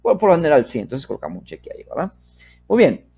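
A man gives a step-by-step English lesson, repeating phrases slowly and checking in with his students after each one. His voice is husky and a little high. The recording sounds dull and lo-fi. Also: huge pitch swings. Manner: drills phrases slowly, then explains in Spanish with frequent "¿verdad?" checks; models English sentences slowly and loudly, then softly. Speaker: English teacher.

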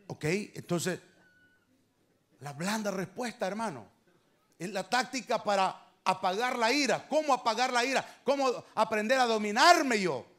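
A male pastor preaching. He talks to the congregation in a conversational way and keeps calling them brother. His delivery swings from quiet, soft asides to loud, emphatic lines. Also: high-pitched, expressive, measured pace. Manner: conversational preaching, often addressing "hermano". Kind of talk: sermon. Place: church.

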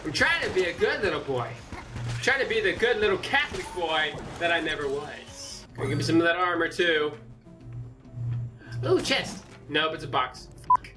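A young man hosting a casual let's-play, excitable, yelping and swearing as he plays. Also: a little high, moderate pace, far from the mic, music in the background. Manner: excitable, yelps and swears at the game. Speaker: gaming channel host.

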